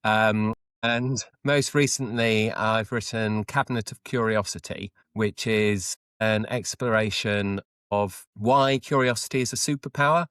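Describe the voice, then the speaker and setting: A man in his fifties from the UK, a school principal and author guesting on a podcast, answering in a measured, dryly humorous way. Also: fairly low pitch, steady tone, a bit bright, smooth, no room sound, studio quality. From United Kingdom. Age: 50s. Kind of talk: interview answers.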